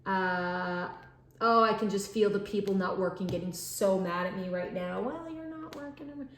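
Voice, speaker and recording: Here the same weary home host speaks in a fairly low, flat voice at normal speed, slightly bright, in a roomy-sounding space. Her unscripted puzzle chat wanders, packed with fillers. Now and then she sinks to a mutter or whisper as she solves.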